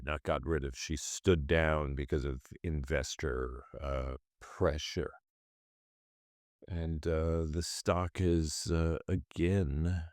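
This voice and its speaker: A man hosting a stock trading channel gives casual screen-share commentary, rambling through his trades, thinking aloud, and correcting himself. His extremely low voice is smooth and a little mellow, slightly congested from a cold, in a clean studio recording with no room sound.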